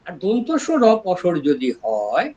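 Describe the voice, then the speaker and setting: An older man from East Bengal lectures as a professor, with an East Bengali accent. His voice sits a little high for a man and rises and falls in lively swings as he works through each point patiently. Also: dull audio. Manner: explains slowly and step by step, lively rises and drops in voice. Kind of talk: scholarly lecture on word origins.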